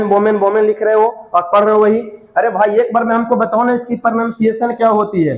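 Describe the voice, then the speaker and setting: High-voiced man teaching grammar. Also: darkish tone, echoey room, poor audio. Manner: repeats questions and has students answer back. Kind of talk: classroom lecture.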